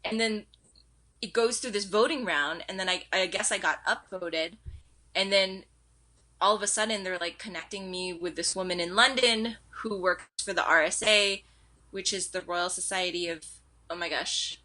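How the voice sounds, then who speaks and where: An American woman chatting as an interview guest. Her voice is bright and pushes forward, and she jumps into quoted voices as she tells her story. Her pitch sits in the middle range. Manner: animated storyteller, quick with fillers and quoted asides. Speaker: edtech director, podcast guest. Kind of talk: casual interview conversation.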